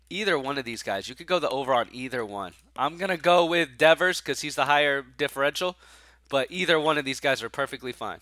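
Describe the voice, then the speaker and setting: A man hosts casual sports betting picks in an excitable, slangy way, his mid-range voice stuffy and nasal from allergies. The recording is dry.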